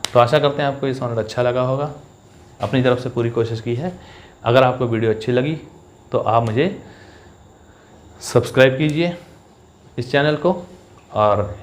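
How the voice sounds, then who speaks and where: Male teacher, mid-pitched, patient step-by-step exam coaching, slow syllable-by-syllable reading. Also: slight background noise. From India. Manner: explains step by step, reads lines slowly with stress on each syllable. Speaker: English teacher. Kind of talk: exam-focused poetry lesson.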